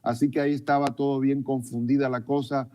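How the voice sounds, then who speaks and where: Man, preacher, sermon, mellow voice, emphatic repetition. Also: mid-range voice, level tone, brisk. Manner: retelling events with acted quotes, repeating himself for emphasis.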